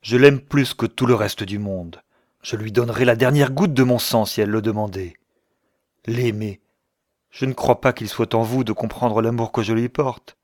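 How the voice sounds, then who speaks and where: A man's voice: mid-range voice, little pitch movement, moderate pace, a little mellow, dry recording, clean studio sound, lightly acted. A man reading the part of a hot-tempered, jealous young man who speaks bluntly and defiantly. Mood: angry.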